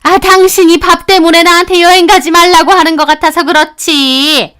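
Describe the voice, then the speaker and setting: A woman playing a shrill scolding mother-in-law. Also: fairly even intonation, moderate pace, sharp tone. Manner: scolding, contemptuous. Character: nagging domineering older mother-in-law. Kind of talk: storytelling radio acting.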